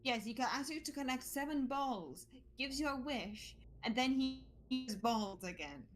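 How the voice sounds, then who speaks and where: A woman game master chats casually through character creation, her voice sitting a little high. She teases her players, laughs easily and calls them honey. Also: animated, normal speed. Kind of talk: casual tabletop game chat.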